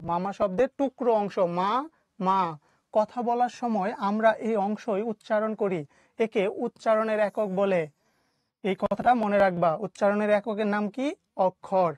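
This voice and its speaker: A woman's voice: mid-range voice, a little mellow, dry recording, studio quality. Woman teacher quizzing her class. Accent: Bangladeshi Bengali. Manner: asks the class questions and answers them herself. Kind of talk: online class lecture.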